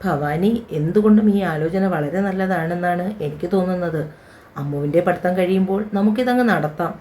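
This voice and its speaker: A woman voicing a gentle, fatherly retired uncle in an audio story, softly apologetic and fond. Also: sits high, brisk, close to an everyday voice. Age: older.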